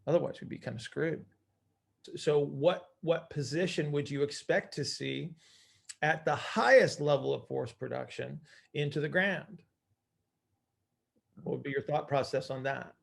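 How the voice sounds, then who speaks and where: Leading an informal group call as coach, a man with a fairly high, gravelly voice speaks at a measured pace with long pauses. His teaching is emphatic: he asks his own questions, answers them, and frequently adds "right?".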